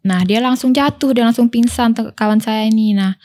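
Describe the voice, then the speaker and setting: A woman's voice: on the high side, normal speed. A woman from Lombok, Indonesia, a guest telling a ghost story in a casual way and acting out what her friends said. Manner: animated retelling, quoting friends' words.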